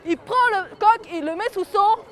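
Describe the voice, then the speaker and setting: A woman's voice: extremely high pitch, normal speed. A woman storyteller telling a folk tale to children and getting them to join in. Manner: lively, gets the audience to join in.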